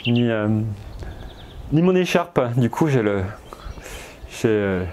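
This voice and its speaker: Outdoors in spring, a man with a cold rambles through a casual vlog, hesitant and full of fillers, restarts, and chatty asides to viewers. His mid-range, darkish voice has lively intonation and a slow pace, with slight background noise.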